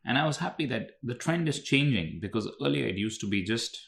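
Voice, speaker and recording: A man's voice: mid-range voice, expressive, fairly quick, creaky, fairly bright tone. A man who is a podcast guest, speaking as an in an earnest, casual way and repeating phrases for emphasis.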